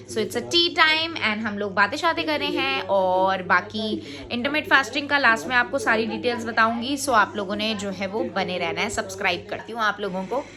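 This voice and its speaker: Chatty woman vlogger, slightly high voice. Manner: chatty, addresses viewers as guys. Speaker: family vlogger. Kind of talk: casual vlog chat to camera.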